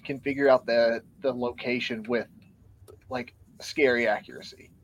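A man's voice: medium pitch, moderate pace, vocal fry. Earnest man explaining, a bit breathless. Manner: earnest, explanatory, reads from show notes. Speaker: podcast guest. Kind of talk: casual podcast discussion.

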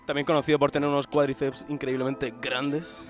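A young man hosting a casual podcast chat, talking softly and low-key. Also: flat delivery, fairly quick, faint music behind. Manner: soft-spoken, low-key. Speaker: podcast host.

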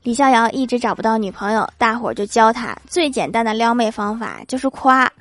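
A woman's voice: a little high, lively intonation, brisk, fairly bright tone, no room sound, soft background music. Playful woman reading comedy jokes. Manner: playful storytelling, laughing at her own punchlines. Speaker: host of a comedy joke podcast. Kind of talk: reading jokes with acted quotes.

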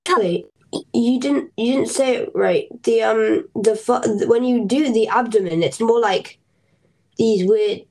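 A woman's voice: a little high, darkish tone, rough recording. Rambling woman chatting about a game. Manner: rambling, halting, many fillers and restarts; explains game strategy in detail. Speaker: podcast co-host. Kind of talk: casual gaming chat.

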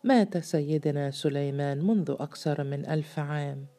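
Anxious, pleading storybook police chief, read by a woman, low and mellow. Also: normal speed, close to an everyday voice. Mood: hopeful. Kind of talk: storybook reading.

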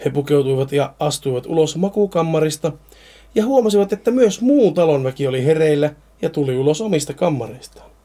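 A man's voice: on the high side, lively intonation, dark tone. A man reading a Finnish horror story aloud, now and then stumbling and repeating words.

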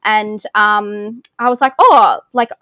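A woman's voice: medium pitch, slow, sharp tone, dry recording, highs cut off. Chatty Australian woman, dry close sound. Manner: chatty and self-deprecating, laughs often. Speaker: film reviewer guest. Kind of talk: casual interview chat.

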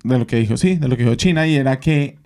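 A man's voice: mid-range voice, fast talker, darkish tone. A man co-hosting a casual podcast chat, agreeable and reflective, with English words mixed in. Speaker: podcast co-host.

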